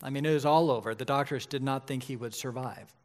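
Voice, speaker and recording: A pastor in his forties delivers a sermon conversationally, talking quickly at a medium pitch and frequently checking in with "right?"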